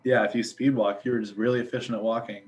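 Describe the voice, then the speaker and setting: A man's voice: mid-range voice, flat delivery, fast, poor audio. Chatty young man. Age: young adult. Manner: chatty, filler-heavy, joking. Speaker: student ambassador. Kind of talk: casual chat.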